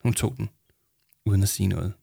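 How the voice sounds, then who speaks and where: Male storybook reader, measured, low, gravelly, dry close sound. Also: steady tone, mellow, dry recording. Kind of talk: reading a children's storybook aloud.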